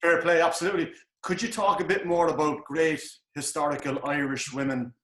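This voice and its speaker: Higher-voiced man interviewing in a roomy space. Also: steady tone, brisk, fairly bright tone. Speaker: co-host, interviewer. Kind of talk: casual interview chat. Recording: roomy, echoing sound.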